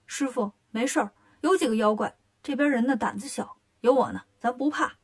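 A woman's voice: on the high side, brisk, lightly acted. Wukong, a woman doing a cocky monkey king. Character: boastful cheeky young monkey king disciple.

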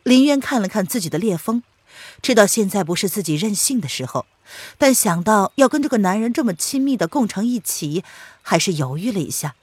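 A woman narrating an audiobook in an expressive storytelling read. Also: mid-range voice, brisk, breathy edge, dry recording.

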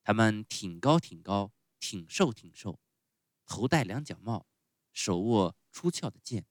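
A man reading a children's storybook aloud at home, expressive, with frequent little filler sounds. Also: on the low side, unhurried, dry recording, clean studio sound. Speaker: parent reading bedtime stories. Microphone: home recording, close mic.

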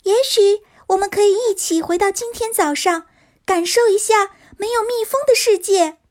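A woman's voice: very high-pitched, normal speed, a little mellow, voice pushed up. A woman voicing a small, cheerful, helpful nature sprite in a children's storybook, light and childlike in delivery. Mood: bright, encouraging.

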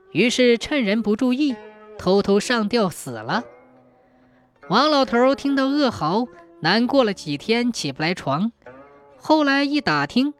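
Woman telling a folk tale. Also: mid-range voice. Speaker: storyteller.

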